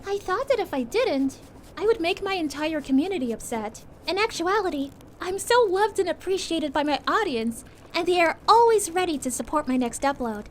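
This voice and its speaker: A woman voicing a sweet, caring young princess in a calming roleplay, speaking to a friend in a gentle, reassuring, chatty way. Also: extremely high pitch, normal speed, a little hiss or hum. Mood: soothing, encouraging. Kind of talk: calming ASMR audio roleplay.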